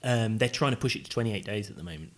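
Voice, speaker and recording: A man's voice: on the low side, lively intonation, fast talker. A man who is a scientist, co-hosting a podcast in casual chat.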